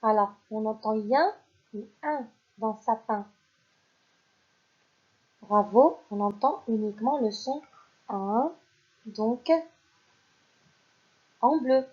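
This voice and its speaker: A woman teacher leads young children through a phonics lesson, speaking slowly and clearly and praising them often. Her voice sits a little high. The recording is dull and lo-fi. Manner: slow, clear, encouraging teacher talk, praising unseen pupils. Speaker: primary school teacher.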